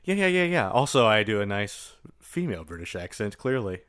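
A playful podcast co-host talks in casual banter. The delivery is animated, with pitch that swings widely, and has a jokey tone throughout. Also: a little fast, clear, resonant tone, no room sound, studio quality. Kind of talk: casual banter, doing comic impressions.

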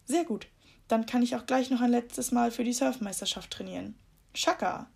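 A woman voicing an excited young boy who loves surfing, in an eager, exclaiming manner. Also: medium pitch, moderate pace, lightly acted.

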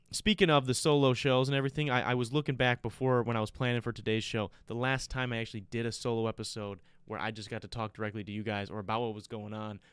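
A man's voice: lowish voice, a bit bright, clear, resonant tone, no room sound. Stuffy-nosed American man, casual podcast host. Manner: rambling, conversational, repeats himself. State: sick with a blocked nose. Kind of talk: casual chat to listeners.

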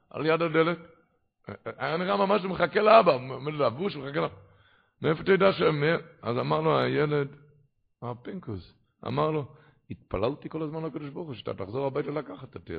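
Man, gravelly rabbi preaching, stories told with bursts of loud animation, dull lo-fi sound. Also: medium pitch. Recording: dull lo-fi recording.

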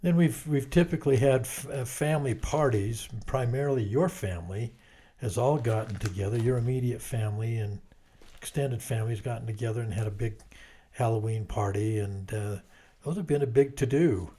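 A man's voice: mid-range voice, normal speed, mellow. An older man, a grandfather, chatting casually with his wife, laughing often and restarting sentences. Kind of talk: casual chat.

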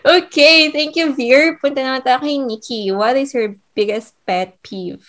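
A woman's voice: sits high, unhurried, fairly bright tone. Upbeat woman co-hosting. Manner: upbeat, moves the talk along. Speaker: podcast co-host. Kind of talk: casual Taglish chat.

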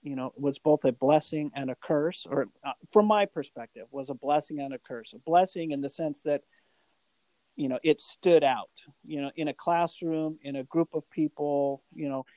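A man's voice: on the high side, moderate pace, a little mellow, no room sound, low-quality recording. A man in his forties co-hosting a podcast, talking reflectively with many fillers and restarts. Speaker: podcast co-host. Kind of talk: casual podcast chat.

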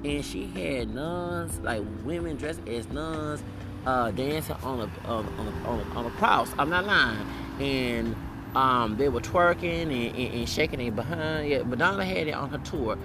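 A man's voice: medium pitch, expressive, normal speed, noisy background. A man in his forties talking casually on his podcast, chatty and fond of breaking into song snippets. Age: 40s. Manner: chatty, sings snippets of songs. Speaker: podcast host. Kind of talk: casual monologue. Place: outdoors near a street.

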